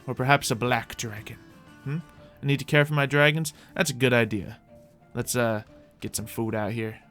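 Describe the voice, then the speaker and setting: A gaming host with a medium-pitched, fairly bright voice plays a roleplay character. He improvises playful gameplay commentary, thinking aloud to his viewers.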